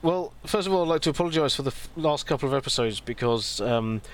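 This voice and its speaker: A man in casual podcast chat, talking at a middle pitch. He is chatty and laughs easily. He often restarts his sentences as he goes. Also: expressive, quick pace. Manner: chatty, laughs easily, trips over words. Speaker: podcast co-host.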